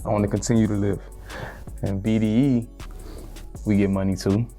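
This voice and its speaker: Laid-back young man, flat and low. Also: moderate pace, soft background music. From Miami, Florida. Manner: laid-back street slang, lots of "you feel me". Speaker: rapper, interview guest. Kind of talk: casual interview.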